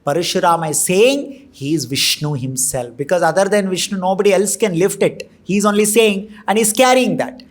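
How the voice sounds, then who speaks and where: A man giving an animated devotional scripture lecture, telling and explaining a story. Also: sits high, fairly quick, hardly any pauses. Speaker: scripture teacher.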